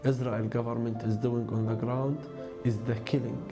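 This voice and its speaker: A Palestinian man in his thirties telling his own story in halting English, with many fillers and restarts. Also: medium pitch, flat delivery. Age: 30s. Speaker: interviewee. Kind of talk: personal testimony. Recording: music bed underneath.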